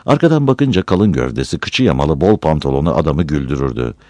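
A man's voice: very deep voice, brisk, dry recording. A man reading a village story aloud and doing the voices of its characters. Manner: lively storytelling.

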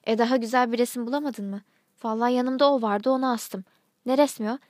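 A man's voice: very high-pitched, fairly even intonation, quick pace, a little mellow, no echo, clean studio sound. A woman voicing a curt, suspicious grown son with a brusque, scolding manner in a story reading. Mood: wary.

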